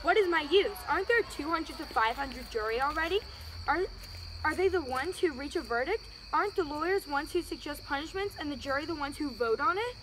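A woman's voice: high-pitched, expressive, fairly quick. A teenage girl acting as a bossy, sarcastic ancient Greek court officer in a school project drama. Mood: complaining. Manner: sarcastic, mocking. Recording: noisy outdoor recording with crickets.

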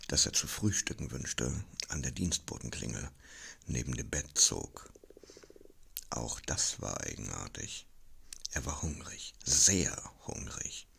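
Very deep gravelly male storyteller. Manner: expressive, drops to whispers for tension. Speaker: audiobook reader. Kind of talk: dramatic audiobook narration.

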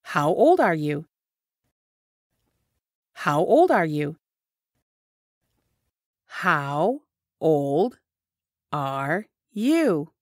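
Woman English teacher, very slow drilling, word by word, lively rising and falling pitch, dry close sound. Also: dry recording. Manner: says each phrase whole, then word by word. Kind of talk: slow repeated phrase drilling.

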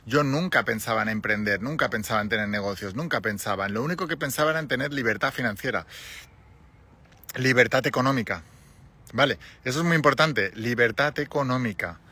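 Spanish-accented man in his forties, outdoor phone selfie, energetic persuasive money mentor. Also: mid-range voice, a little fast, breathy edge. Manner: enthusiastic, persuasive, many tag questions. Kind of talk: selling a mentorship on a live stream. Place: outdoors on a hillside with sea views. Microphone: phone at arm's length.

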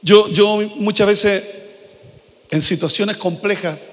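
An older man preaching a sermon as pastor, repeating phrases and shouting out prayers. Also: high-pitched, slow pace. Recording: long hall reverb.

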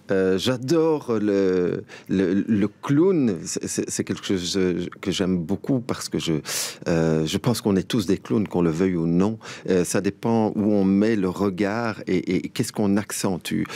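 An older man, an actor answering interview questions in a halting way, often restarting and searching for words. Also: on the low side, darkish tone, dry recording. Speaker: actor and guest.

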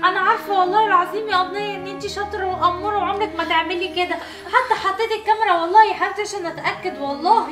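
A woman's voice: very high voice, steady tone, very fast, hardly any pauses. A woman playing an emphatic young Egyptian employer in a skit, with an Egyptian accent. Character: stern but soft-hearted female employer, young adult. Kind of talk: amateur skit acting. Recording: roomy echo with music underneath.

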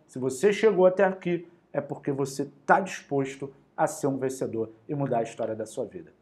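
A male math teacher with a Carioca accent runs a high-energy exam-prep lesson. His voice sits a bit high for a man, and his talk is lively, slangy and full of encouragement as he counts through each step aloud. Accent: Carioca Brazilian Portuguese.

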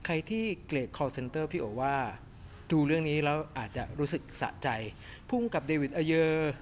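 A middle-aged man giving a casual, animated film review to camera in a cinema lobby, chatting with lots of fillers. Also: fairly high pitch, normal speed, a little hiss or hum. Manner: chatty and animated, refers to himself by nickname, many fillers. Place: cinema lobby in front of a movie poster, indoors.

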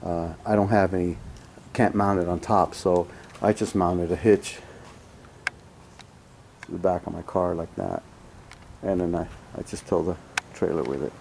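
A man giving a casual spoken product review outdoors on a driveway, halting with many fillers and restarts, blunt in his opinions. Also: low-pitched, steady tone, gravelly, background noise.

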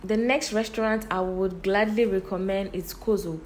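A woman vlogger narrates with a Ghanaian accent. Her voice sits at an average pitch for a woman. Music plays behind her narration. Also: fairly even intonation, normal speed. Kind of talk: vlog voice-over narration.

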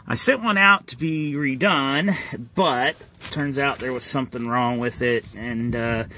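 A man's voice: mid-range voice, unhurried, pushed and bright, a little hiss or hum. Folksy man in his garage. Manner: folksy, rambling, addresses viewers as y'all. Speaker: car restoration vlogger. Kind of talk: casual garage walkthrough.

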